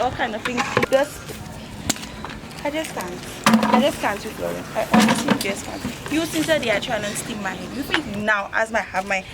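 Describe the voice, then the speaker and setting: A woman's voice: a little high, close to an everyday voice. A woman playing an exasperated, nagging wife with a Saint Lucian accent, complaining emphatically and repetitively in a parody news interview. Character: exasperated nagging wife, fed up with lazy husband. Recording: very noisy outdoor yard, birds.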